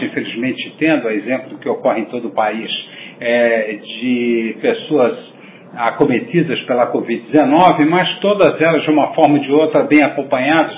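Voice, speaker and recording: A Brazilian man presenting company results as its president, formal and measured, with halting phrasing. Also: medium pitch. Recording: noisy, echoey phone-line audio.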